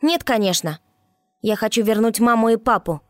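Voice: mid-range voice, moderate pace, no room sound, clean studio sound, pitched above the performer's own voice, lightly acted. A reader voicing a frightened but defiant ten-year-old boy in an audiobook, snapping back in a raised voice. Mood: angry. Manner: defiant, shouting. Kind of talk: audiobook character voice.

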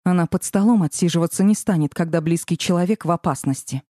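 A woman's voice: fairly low pitch, fast, mellow, no echo, clean studio sound, natural voice. A woman voicing a fiery young red-haired witch in an audiobook, hissing and indignant.

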